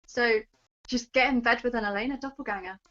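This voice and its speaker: A woman's voice: a little high, fairly quick, bright, forceful tone, dull audio. A woman guest on a casual livestream chat, giggly and matter-of-fact.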